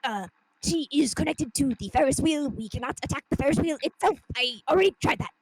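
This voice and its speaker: A woman puts on a small, jittery male bird creature who carries a knife in a fantasy tabletop game. He rushes out his warning in a high, earnest voice, as though he fears being cut off. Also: animated, a little hiss or hum, rough recording. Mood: urgent.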